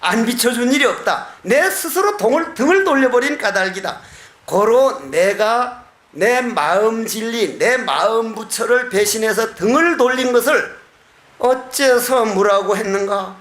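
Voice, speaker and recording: High-voiced monk preaching in an echoey hall. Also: male voice, lively intonation, a bit bright. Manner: folksy and humorous, chuckling, with drawn-out chanted phrases. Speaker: Buddhist monk giving a dharma talk. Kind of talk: sermon.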